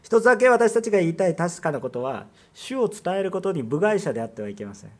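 A man's voice: high voice, sing-song, fast, darkish tone. A male pastor delivering a sermon, earnest and emphatic, full of rhetorical questions and rising stresses.

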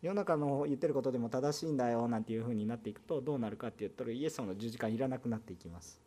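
A man's voice: mid-range voice, very fast, dark tone. A man pastor with a Kansai Japanese accent, giving a sermon in a conversational style with asides and rhetorical questions. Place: church.

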